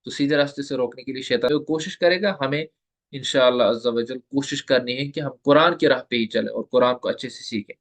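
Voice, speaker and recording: A man giving an online tajweed lesson, explaining step by step and slowly repeating the letter sounds for his students. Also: medium pitch. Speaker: Quran recitation teacher.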